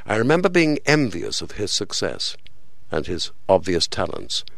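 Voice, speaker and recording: A man's voice: low-pitched, wildly swooping pitch, normal speed, vocal fry, a bit bright, no room sound. An older man, a veteran broadcaster, reminiscing and telling stories on the radio.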